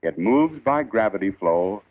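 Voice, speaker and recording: A man reading a scripted 1940s instructional film in a formal, measured, emphatic old newsreel narrator style. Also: fairly low pitch, lively intonation. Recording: tinny band-limited 1940s film soundtrack.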